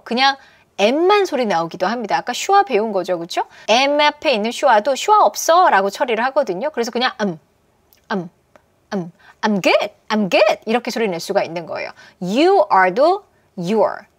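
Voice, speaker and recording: A woman teaching English pronunciation in a lecture, emphatic and demonstrating words slowly. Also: on the high side, fairly bright tone, no room sound.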